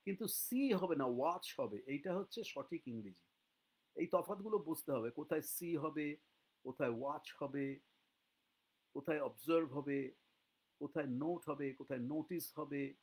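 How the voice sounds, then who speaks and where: A man with a Bengali accent giving a casual online English lesson, reading English examples slowly and spelling words out letter by letter, with frequent "ah" pauses. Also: fairly high pitch, a little mellow, slightly rough, poor audio. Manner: frequent "ah" hesitations.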